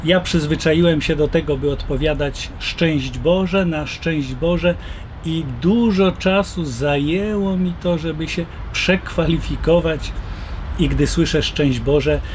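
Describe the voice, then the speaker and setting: An older man, a Jesuit priest, explaining calmly and slowly to the camera outdoors. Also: a little high, a little hiss or hum. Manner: slow, measured, explaining. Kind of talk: calm talk to camera. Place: outdoors by a wooden fence.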